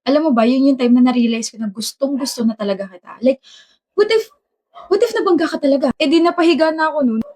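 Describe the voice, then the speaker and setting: A woman's voice: high-pitched, fast talker, dark tone. A woman acting in a romantic comedy skit, trading teasing, playful banter.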